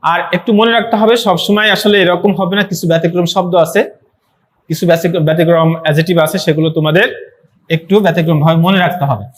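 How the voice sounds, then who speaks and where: Male tutor, high-ish voice, online grammar class, repetitive and encouraging. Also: fairly even intonation. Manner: repeats words slowly for students to say aloud; encouraging, motivational asides. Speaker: English teacher.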